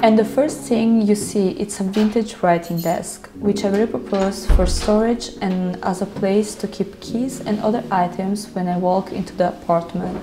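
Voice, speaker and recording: A woman from Ukraine who grew up in Italy, speaking as she calmly explains her home as an interior decorator. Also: medium pitch, moderate pace, few pauses, background noise. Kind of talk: home tour narration.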